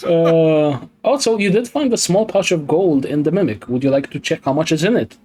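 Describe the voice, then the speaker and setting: Casual swearing game master. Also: male voice, a little high, lively intonation, normal speed, a little mellow, soft background music. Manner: casual, explains rules, swears freely. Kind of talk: narrating a tabletop game.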